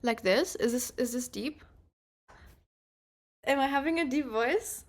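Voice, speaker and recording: This livestreamer, a woman in her early twenties, does her makeup while talking loosely to her viewers, filling her rambling with lots of filler words. Her voice is high and her pace measured.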